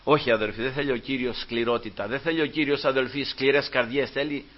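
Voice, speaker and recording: A man preaching a sermon with fervor, swinging between hushed asides and loud exclamations and calling out to his listeners as brothers. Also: mid-range voice, steady tone. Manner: addresses listeners again and again as brothers. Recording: dull lo-fi recording.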